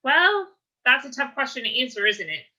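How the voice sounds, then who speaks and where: Wry, musing teen ghost boy in a read-aloud book, read by a woman; bright tone. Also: high voice, big pitch swings, moderate pace, pitched above the performer's own voice, heavily acted, low-quality recording.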